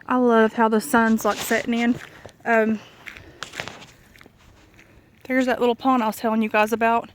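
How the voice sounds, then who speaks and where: High-voiced woman vlogging outdoors, noisy background. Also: little pitch movement, a little slow, long pauses. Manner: candid, rambling, folksy. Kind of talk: casual chatting walking vlog. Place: outdoors on a rural dirt road. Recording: noisy outdoor country recording. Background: clear outdoor noise.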